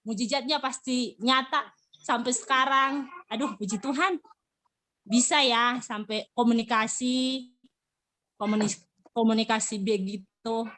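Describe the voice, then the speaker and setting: A woman's voice: on the high side, fairly even intonation, a little slow, a bit bright. A woman sharing a personal faith testimony in casual talk over a video call, earnest and emotional, often repeating her phrases. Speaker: church member sharing testimony.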